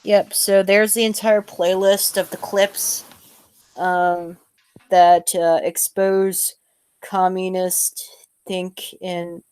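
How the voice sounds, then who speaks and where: Slow, halting woman podcast host. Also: on the low side, flat delivery, a little mellow, clear, resonant tone, no echo. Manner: hesitant, many fillers and restarts. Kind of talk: casual podcast chat.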